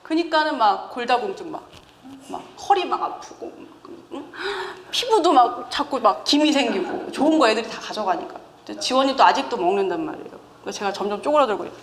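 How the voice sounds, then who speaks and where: A woman in her thirties giving a chatty sermon, lively and often laughing as she teases the congregation. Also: fairly high pitch, fast talker, few pauses, slight background noise. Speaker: preacher. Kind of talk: conversational sermon. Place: church sanctuary. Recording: echoey church hall with faint ambience.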